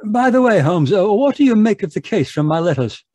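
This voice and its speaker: A man's voice: high voice, sing-song, a little fast, darkish tone, no echo. A man playing a genial, inquisitive doctor who also narrates a radio mystery in a conversational, avuncular way. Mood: cheerful. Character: genial, inquisitive doctor, detective's friend John Watson. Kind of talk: old-time radio mystery acting and narration.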